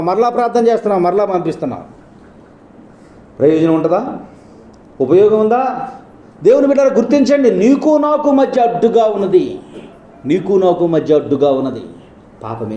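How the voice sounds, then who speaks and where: A man's voice: sits high, warm tone, reverberant. A man preaching a sermon as pastor, asking his listeners many rhetorical questions.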